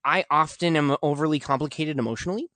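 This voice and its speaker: A man's voice: fairly bright tone, no echo, natural voice. A man putting on a whiny nasal young woman. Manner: nasal, high and drawn-out whine. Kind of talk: podcast bit, mock impression.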